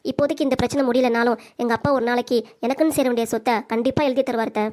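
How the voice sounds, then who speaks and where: திருநெல்வேலி வட்டார வழக்கில், வருத்தத்துடன் கெஞ்சியும் தன்னைக் காத்துக்கொண்டும் பேசும் இளம் மருமகளாக ஒரு பெண் குரல் கொடுக்கும் cartoon. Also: female voice, on the high side, fairly even intonation, rapid-fire, darkish tone, close to an everyday voice. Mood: worried. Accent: Tirunelveli Tamil. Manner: pleading, emotional. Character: young wife, pleading and hurt daughter-in-law. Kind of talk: cartoon comedy voice acting.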